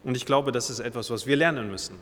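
German preacher in a reverberant hall. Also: male voice, medium pitch, fast talker, fairly bright tone, slight background noise. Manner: paraphrases scripture in casual everyday words; reads Bible verses aloud, then explains them. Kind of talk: sermon.

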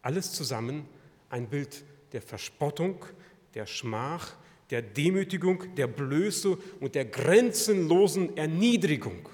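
A male preacher giving a sermon, piling up rhetorical questions that build to loud climaxes. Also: on the high side, expressive, takes it slowly. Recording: long hall reverb.

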